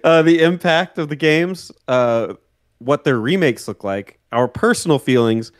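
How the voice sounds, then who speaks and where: A man co-hosting a casual gaming podcast, relaxed and explaining things while laughing along. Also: a little high, measured pace, no room sound, clean studio sound. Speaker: podcast co-host. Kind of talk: casual chat.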